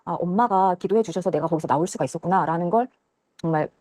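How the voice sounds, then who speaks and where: A woman's voice: on the low side, mellow, no echo. A young woman giving an earnest personal testimony, telling a hospital story and acting out the voices in it. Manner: earnest, rushed storytelling, acts out quoted voices. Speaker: testimony guest. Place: church studio.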